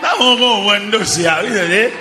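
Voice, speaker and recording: Shouting Haitian preacher man, echoey church. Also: sits high, brisk, crowd noise. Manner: fervent, shouted preaching in short bursts. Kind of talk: sermon. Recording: echoey church with congregation and noise.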